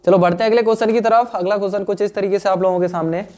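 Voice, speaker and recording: A young man talks his students through a maths problem. His voice sits high and sounds mellow rather than sharp, and he keeps asking the class whether they understood. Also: steady tone, racing. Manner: chatty, addresses students as "dear friends", asks "understood or not?". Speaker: maths teacher. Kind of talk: classroom lesson explaining solutions.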